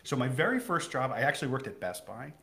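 A man's voice: mid-range voice, very animated, creaky, sharp tone. A young adult man from New Hampshire, a guest chatting casually and laughing easily in an interview. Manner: quick, upbeat, laughs easily.

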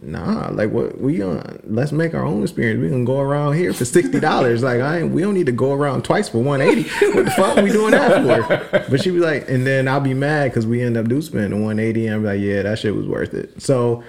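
A man's voice: mid-range voice, lively intonation, a little fast, gravelly, crowd noise. A man in his thirties co-hosting a podcast, joking and teasing in casual banter, laughing often. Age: 30s. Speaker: podcast co-host. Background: people chatting and laughing.

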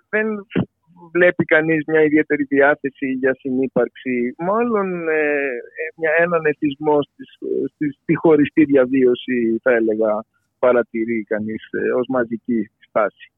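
A man from Greece giving spontaneous political analysis as a pollster in an interview, halting and searching for his words over a phone line. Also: on the high side, no room sound. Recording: tinny, band-limited phone line.

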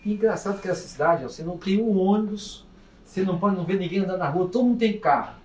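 Man, high voice, telling a rambling story in a voice note recorded far from the mic in an echoey room. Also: fast, a little mellow. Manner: chatty, rambling anecdote with restarts. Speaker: listener sending a voice message. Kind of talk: casual storytelling. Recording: echoey, distant voice message.

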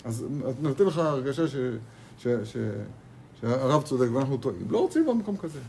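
A man's voice: mid-range voice, very animated, mellow, a little hiss or hum. A man teaching a Torah class to his students in a kollel, speaking animatedly, repeating phrases and asking rhetorical questions. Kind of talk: lively Torah lesson with students. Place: kollel study hall.

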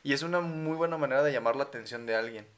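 A man's voice: medium pitch, fast. A young man with a Mexican accent chats on a podcast, easygoing and full of slang. He tells stories with animation and laughs often, in an ordinary mid-range voice. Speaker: podcast co-host. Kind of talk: casual chat.

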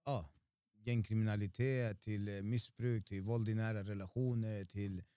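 A man's voice: lowish voice, steady tone, mellow, no echo, studio quality. A man who preaches, as a guest in a casual interview, talking reflectively with hesitant restarts.

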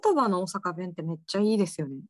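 A woman's voice: on the low side, animated, fast talker, crowd noise. A woman who works as a book editor, chatting casually and often searching for words. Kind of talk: casual chat.

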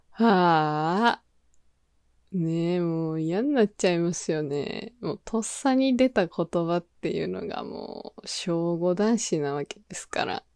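A young woman in her twenties speaks with a Kansai accent in an animated, bouncy voice that swings high and low. She hosts a relaxed solo radio chat, often laughing and playing out little scenes of her own. The sound is dry and close, with no room around it. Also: drawn-out words, pauses often, smooth, no room sound. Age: 20s. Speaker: radio show host. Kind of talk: casual solo talk.

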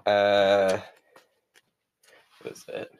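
A man's voice: fairly low pitch, monotone, extremely slow, slight background noise. A young man hosting a casual solo podcast, rambling with many fillers and reading passages aloud from a book. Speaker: podcast host.

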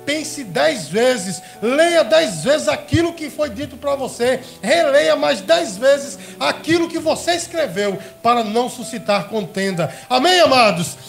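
A man's voice: extremely high pitch, very animated, unhurried, creaky, few pauses, soft background music. A man preaching a sermon as pastor, calling his listeners brothers and beloved and asking them questions.

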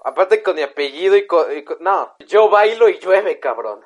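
A man's voice: sits high, lively intonation, moderate pace. A young man with a Mexican accent co-hosting a podcast, joking, laughing and swearing, sometimes reading a story aloud. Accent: Mexican Spanish. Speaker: podcast co-host. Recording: dull lo-fi sound.

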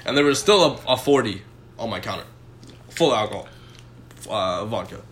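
A man's voice: lowish voice, animated, moderate pace, fairly bright tone, roomy sound, a little hiss or hum. A man telling crude, laughing stories in a casual podcast chat. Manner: laughing, storytelling, profane. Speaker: podcast co-host.

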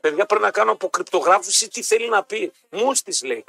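A man's voice: high-pitched, vocal fry, bright, forceful tone. A man hosting a morning radio show, bantering and teasing his co-host in a mocking way.

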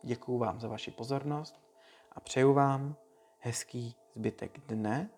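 Male speaker, measured motivational reading, soft music bed. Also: medium pitch, steady tone, husky. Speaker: speaker giving a motivational talk. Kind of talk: read-aloud motivational talk.

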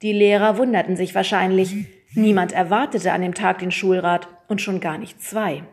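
A woman's voice: medium pitch, moderate pace. Woman reading a children's book aloud. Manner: lively, voices each character. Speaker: audiobook reader.

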